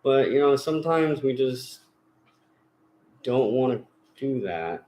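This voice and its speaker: A man's voice: mid-range voice, expressive, slow, darkish tone. A man hosting a paranormal investigation channel, chatting casually at home in a rambling way with lots of fillers and restarts. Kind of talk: casual chat. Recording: roomy echo.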